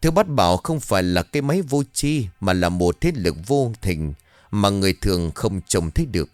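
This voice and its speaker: A man narrates a scripted horror story in a low voice that rises and falls with lively drama. The recording is dry and close, with faint music under his reading. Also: moderate pace, no echo.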